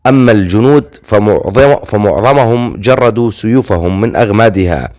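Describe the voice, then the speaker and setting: A man narrating a dark fantasy novel as an audiobook, in a steady storytelling way with occasional slips. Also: on the low side, brisk.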